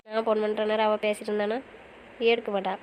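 Quick-tongued young wife, as a woman plays her. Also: mid-range voice, level tone, a little hiss or hum, lightly acted, low-quality recording. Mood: sulky, playful. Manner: fast, pouty back-talk. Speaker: wife in an audio romance series.

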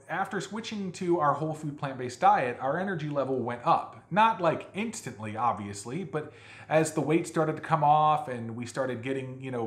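A man's voice: medium pitch, a bit bright. A man co-hosting a food vlog, chatting casually with jokes and rambling fillers. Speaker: vlog co-host. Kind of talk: casual chat. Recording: echoey room.

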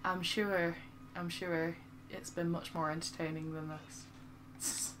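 A woman's voice: on the low side, little pitch movement, takes it slowly, fairly bright tone, faint music behind. Chatty Lancashire woman streaming a game. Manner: chatty and self-mocking, reads viewer comments aloud. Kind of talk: casual live-stream chat.

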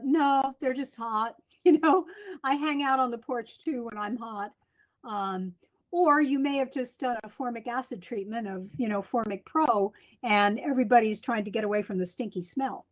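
A middle-aged woman giving a chatty slide lecture from home over a webcam, with many ums and restarts. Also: a little high. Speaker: beekeeping speaker. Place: home room, indoors. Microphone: webcam on a video call.

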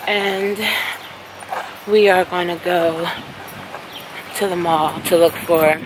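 A woman's voice: fairly low pitch, steady tone, slow pace. A woman chatting casually to her vlog viewers in a playful, talkative way. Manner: chatty, playful, uses "y'all". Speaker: vlogger. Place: car and shops. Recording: noisy phone recording.

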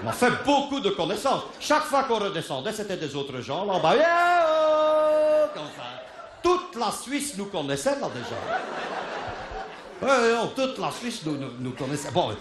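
A man spins a comic tale in a high, bouncing voice that leaps all over the place. He laughs through his lines and bursts into shouted impressions of the people in his story. The sound is roomy, with an echo around him. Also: big pitch swings, moderate pace, noisy background. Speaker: comedian.

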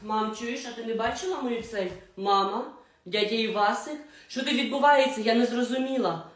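A woman voices a dramatic teenage daughter who turns shrill and indignant at every surprise. The voice sits high and rings in a roomy echo. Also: normal speed, lightly acted. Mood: outraged.

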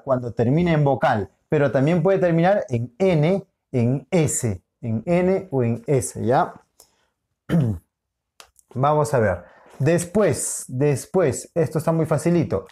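A man's voice: fairly high pitch, warm tone. A male school teacher giving a recorded online lesson, patient and repetitive, often checking in with short questions. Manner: repeats himself and checks in with frequent questions; patient, drawn-out explaining.

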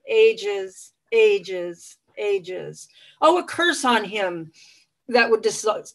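A woman with a fairly high voice reads a poem to an audience at a library evening. She takes her time and gives every line its own weight. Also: low-quality recording. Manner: slow, declaiming each line with emphasis. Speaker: poetry event host. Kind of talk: reading poetry aloud at a live event. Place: library event room.

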